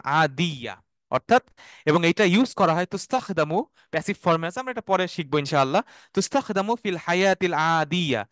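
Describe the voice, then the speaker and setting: A man teaching an online Arabic class, explaining terms slowly, repeating them and checking often that students follow. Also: high voice, fairly bright tone, clear, resonant tone, no room sound, studio quality. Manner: has students repeat words after him.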